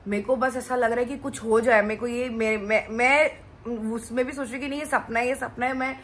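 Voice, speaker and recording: A woman, a mother on a home vlog, who talks in a soft, halting and hesitant way. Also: a little high, steady tone. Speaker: vlogger co-host, mother. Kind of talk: casual conversation on a vlog.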